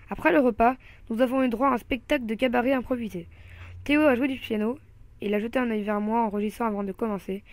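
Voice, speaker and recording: A woman reading a comic children's novel aloud in the first person, with lively storytelling. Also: fairly high pitch, no room sound.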